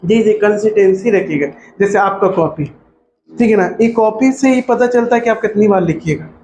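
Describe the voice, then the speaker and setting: A male coaching teacher, talking to a class in a joking, lively way and mimicking students. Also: sits high, moderate pace. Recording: echoey classroom with faint noise.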